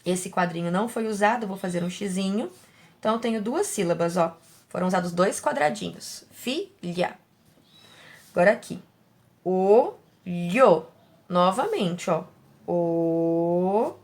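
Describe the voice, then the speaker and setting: A woman teacher speaking slowly and carefully, sounding out words syllable by syllable for young pupils and asking them questions. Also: mid-range voice. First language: Portuguese. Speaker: primary school teacher. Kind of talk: slow, careful classroom instruction.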